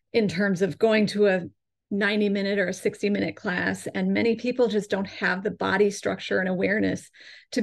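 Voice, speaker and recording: A woman yoga and chakra teacher being interviewed, with a mid-pitched voice. She explains in a measured, instructive way. She slows down to stretch out and demonstrate the vowel sounds she talks about.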